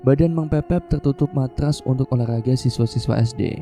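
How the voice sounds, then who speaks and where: A man telling a true-style horror story in first person, in slow, measured scripted narration. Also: medium pitch, dark tone. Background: faint background music.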